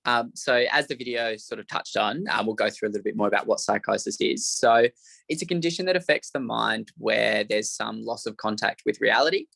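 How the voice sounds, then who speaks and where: A young man runs a youth mental health workshop, walking through slides in an explanatory way with plenty of fillers. His voice sits low and has a gravelly fry. The sound is bright and dry. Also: fairly quick, dry recording, rough recording. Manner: explanatory, frequent fillers and hedges. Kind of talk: workshop presentation.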